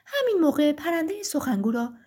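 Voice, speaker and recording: High-voiced woman telling a fairy tale. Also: big pitch swings, dark tone. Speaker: storyteller. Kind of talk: scripted children's story narration.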